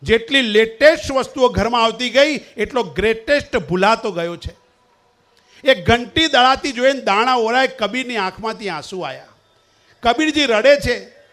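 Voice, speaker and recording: Male preacher, high voice, sing-song verses and playful asides. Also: expressive, normal speed, a bit bright. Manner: sing-song chanting of verses, teasing questions to the audience. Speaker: swami preacher. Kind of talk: devotional sermon. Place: temple festival gathering.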